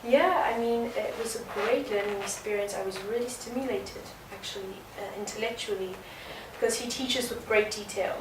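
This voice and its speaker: A young woman talks earnestly and reflectively, often pausing on fillers as she answers. She is picked up from a distance in an echoey indoor room. Steady background noise runs underneath. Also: medium pitch. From South Africa. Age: early 20s. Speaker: guest dancer. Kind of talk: conversational interview. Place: indoor art venue. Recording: roomy, distant mic, noisy background.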